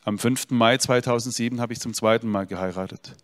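A man's voice: mid-range voice, steady tone, quick pace. Man preaching in a reverberant hall. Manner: addresses listeners directly, earnest with dry humor. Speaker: speaker giving an inspirational talk. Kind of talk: personal storytelling sermon.

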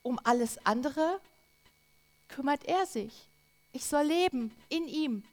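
Slow-speaking earnest woman preacher. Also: sits high, lively intonation, a little mellow. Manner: earnest, emphatic, drawn-out repetitions. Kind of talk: sermon.

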